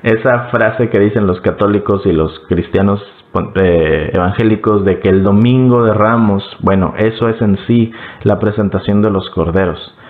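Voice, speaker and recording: A man's voice: lowish voice, normal speed, hardly any pauses. Man, Bible lesson, explanatory, addresses listener, tinny phone-like audio. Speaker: Bible teacher. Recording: phone-like narrow band.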